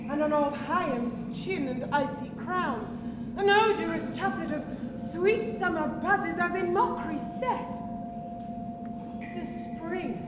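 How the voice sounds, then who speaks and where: A scornful, proud fairy queen acted by a woman, declaimed in a hammy theatrical manner. The pitch is high and the delivery unhurried. The sound rings through a long, echoing hall. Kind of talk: Shakespearean stage acting. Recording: echoey hall recording, clear noise.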